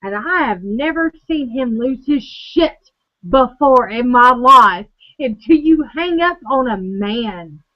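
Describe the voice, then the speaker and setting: A woman co-hosting a casual drinking chat show, telling stories in a profane, animated way. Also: on the high side, slow pace. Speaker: podcast co-host. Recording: dull lo-fi recording.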